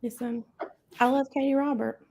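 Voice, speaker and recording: Gravelly, teasing woman co-host. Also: high voice, fairly even intonation, normal speed, mellow. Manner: teasing, playful. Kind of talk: casual chat.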